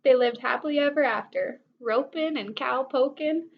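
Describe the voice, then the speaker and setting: With a high-pitched voice touched by vocal fry, a storybook reader moves at a moderate pace through a children's story, reading expressively and chatting playfully and animatedly with her young audience. Faint noise sits behind the dull-sounding audio.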